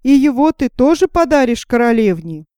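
Two haughty young scholar brothers from a fairy tale mock their sibling with scornful, raised voices, voiced by a woman narrator. The delivery is smooth and mellow, recorded dry. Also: sits high, very animated, moderate pace, dry recording. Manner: scornful, mocking.

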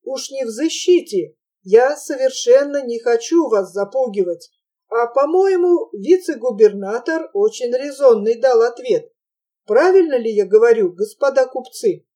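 A woman's voice: on the high side, animated, unhurried, warm tone. Woman doing a folksy, wordy fish merchant. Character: folksy talkative fish merchant, man, sly and consoling.

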